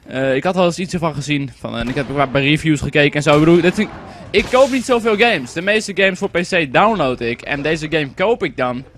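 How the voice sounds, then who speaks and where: Young male let's-play host, high-ish voice, rapid rambling chatter, faint hiss behind. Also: expressive, fairly bright tone. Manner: chatty, rambling, swears when the game lags. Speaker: gaming commentator. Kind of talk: casual let's-play commentary.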